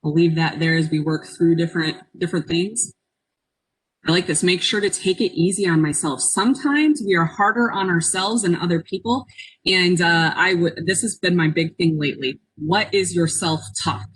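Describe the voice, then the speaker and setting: On an online conference call, a workshop presenter leads an interactive webinar, her lowish voice moving at a moderate pace. She speaks in an encouraging, reflective way and invites people to take part. The recording quality is low.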